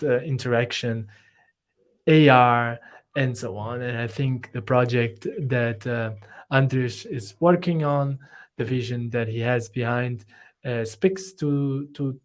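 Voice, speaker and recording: Man hosting a live interview. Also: mid-range voice. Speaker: host.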